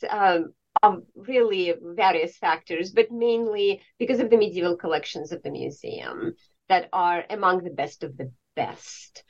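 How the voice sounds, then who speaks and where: A woman from Estonia, a professor of art history, speaking thoughtfully in an interview with frequent pauses. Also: mid-range voice. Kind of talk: conversational interview. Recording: dull lo-fi sound.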